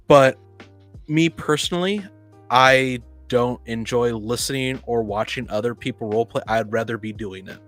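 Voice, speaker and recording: This podcast panelist is a man with a mid-range, fairly bright voice. He talks bluntly about tabletop roleplaying games in a casual, opinionated discussion, tripping over and repeating his words a lot.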